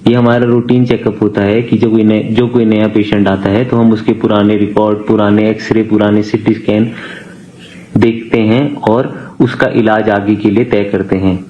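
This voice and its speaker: A man's voice: on the low side, little pitch movement, moderate pace, dark tone, lo-fi sound, a little hiss or hum. A man, a doctor, giving an earnest, aggrieved statement on video and repeating phrases for emphasis.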